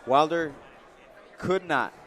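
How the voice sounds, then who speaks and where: A man's voice: a little high, takes it slowly, a bit bright, some chatter behind. A man giving live, conversational boxing commentary, thinking aloud and repeating words as he goes.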